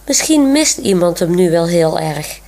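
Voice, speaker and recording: A woman's voice: lowish voice, very animated, measured pace, a little mellow. A woman reading aloud voices a bubbly, affectionate young woman who teases playfully. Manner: giggly, teasing.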